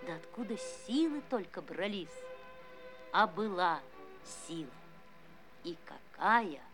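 A woman narrating a scripted documentary gravely and expressively, letting phrases sink softly at the end. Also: lowish voice, lively intonation, slow pace, soft background music.

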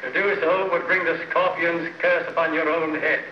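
An actor playing a solemn, commanding old wizard mentor, declaiming in old movie serial style. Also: male voice, fairly high pitch, little pitch movement, moderate pace, natural voice. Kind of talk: 1940s movie serial acting. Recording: echoey, muffled old film soundtrack, faint noise.

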